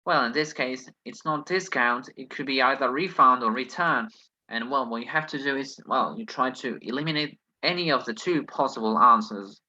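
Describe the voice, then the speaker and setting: Non-native guy teaching english, bright voice, keeps saying well while he thinks, kinda dull lo-fi audio. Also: mid-range voice, moderate pace. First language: not English. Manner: hesitant, thinks aloud, many "well"s. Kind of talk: online lesson, working through exercises aloud.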